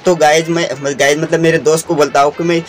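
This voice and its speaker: A young man from India vlogging casually, talking rapidly with many repeats and restarts. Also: fairly high pitch, level tone. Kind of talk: casual vlog talk to camera.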